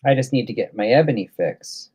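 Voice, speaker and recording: His voice is mid-range, mellow and husky, and he speaks in an animated, fairly quick way. He is a livestream host running a relaxed coloring demo, chatting and thinking out loud while reading viewer comments.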